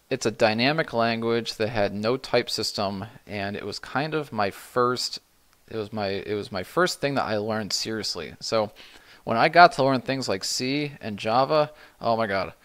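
A middle-aged man hosting a live stream, answering viewer questions in a relaxed, rambling way with many restarts. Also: medium pitch, a little slow, clear, resonant tone. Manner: relaxed, rambling, frequent restarts and "you know". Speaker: livestream host answering chat questions.

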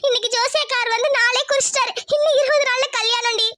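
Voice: extremely high pitch, fairly even intonation, quick pace, bright, forceful tone. Someone voicing a tearful young bride. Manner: tearful, despairing. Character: young village woman, distressed bride-to-be.

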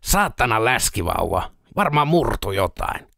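A man voicing a reckless, brash young male drunk with a gruff, blunt manner in an audiobook. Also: medium pitch, sing-song, bright, forceful tone, no echo, studio quality, pitched above the performer's own voice. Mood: pained cursing.

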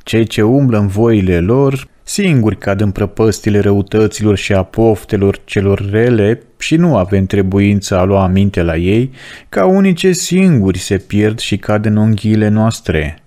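A man's voice: lowish voice, animated, dark tone, lightly acted. A man voicing a proud male demon prince who commands a host of devils, read in a plain storytelling voice. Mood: boastful.

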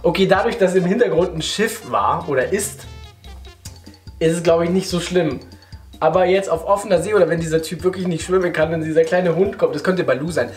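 A man's voice: a little high, a little fast, soft background music. Chatty young man with a light voice. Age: young adult. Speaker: YouTuber reacting to videos. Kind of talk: casual reaction commentary. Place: indoor living room.

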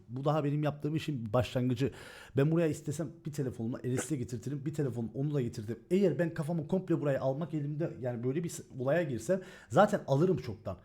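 A man's voice: a little high, warm tone. A man streaming and talking casually, ranting in an agitated way and swearing as he goes. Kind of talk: heated casual stream talk.

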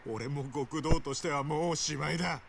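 Nishiki, a gruff, cornered young yakuza. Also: male voice, on the high side, normal speed, a little hiss or hum. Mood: grim, pained. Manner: rough, blunt street speech. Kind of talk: video game voice acting.

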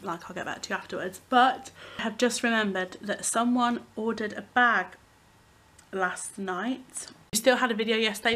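A woman's voice: mid-range voice, sharp tone. Chatty young woman vlogging at home. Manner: chatty, rambling, giggly. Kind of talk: casual vlog chat to camera. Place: at home indoors.

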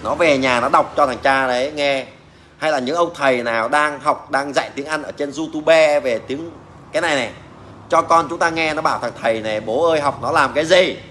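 A middle-aged mechanic, talking off the cuff in a blunt, mocking way and swearing as he goes. His voice sits a little high for a man, with a faint hiss of noise behind it. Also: brisk, sharp tone. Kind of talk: casual rant to fellow mechanics.

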